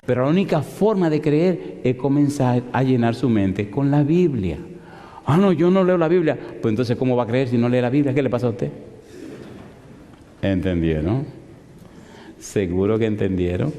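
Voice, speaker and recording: Un pastor que predica y cuenta una historia, imitando con viveza las voces de una llamada telefónica. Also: male voice, mid-range voice, a little hiss or hum. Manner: animated, acts out both sides of a phone call. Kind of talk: sermon with storytelling. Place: large hall in London. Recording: reverberant hall.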